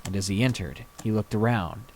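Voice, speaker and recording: A man reading a scary true story aloud with slow, dramatic pacing. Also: on the low side, slight background noise. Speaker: story reader.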